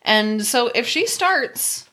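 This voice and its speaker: A woman co-hosting a casual podcast, with a bright, fairly high voice. Her pitch swings up and down a lot. She laughs easily and keeps throwing in jokey asides. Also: takes it slowly. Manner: animated, laughing, jokey tangents. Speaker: podcast co-host. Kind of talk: casual chat.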